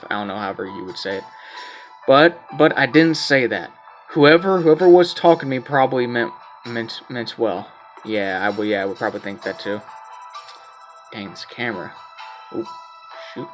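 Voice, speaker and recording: A man's voice: medium pitch, fairly bright tone, highs cut off. Casual man reading a game aloud. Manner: casual, stumbling over repeated words. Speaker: gameplay streamer.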